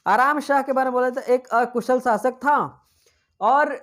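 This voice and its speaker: Higher-pitched woman teaching history. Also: fairly even intonation, a little slow. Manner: dictates notes, asks and answers her own questions; chatty, mixes in English terms. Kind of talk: exam-prep history lecture.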